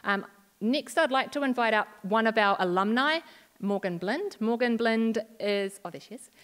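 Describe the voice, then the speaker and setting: A woman school coordinator, explaining a program to parents and students in a measured way. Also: on the high side, expressive, smooth. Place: school hall. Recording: long hall reverb.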